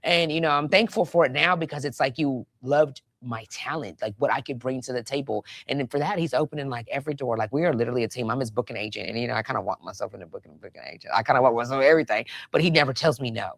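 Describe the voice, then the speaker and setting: A woman guest on a music interview show, telling stories in a rapid, animated way with frequent swearing and fillers. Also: a bass voice, vocal fry, no echo. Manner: rapid, animated storytelling with profanity and filler phrases. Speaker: guest, podcast host. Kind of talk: casual interview chat.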